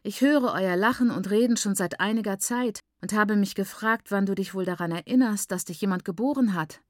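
A woman reading an audiobook voices a bitter, sharp-tongued bedridden mother, raising her voice higher and louder. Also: fairly quick, dry recording, lightly acted. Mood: dry. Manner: dry, pointedly sarcastic. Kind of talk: audiobook character voice.

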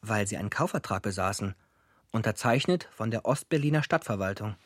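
A man's voice: fairly low pitch, lively intonation, fairly quick, no echo. A man narrating a radio drama as a grown son recalling his family's troubles, in short, dry, matter-of-fact sentences. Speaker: first-person narrator. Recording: narration over clear music.

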